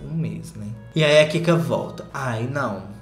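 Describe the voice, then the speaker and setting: A man's voice: medium pitch, expressive, normal speed. A man chatting through a reality show recap in a campy, sarcastic, gossipy way. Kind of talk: casual gossip commentary. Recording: roomy echo, faint music.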